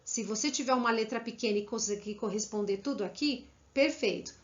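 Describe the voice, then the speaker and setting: A woman's voice: a little high, brisk. A Brazilian woman teaching an online Spanish class, encouraging and asking many rhetorical questions. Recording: muffled lo-fi audio with background hiss.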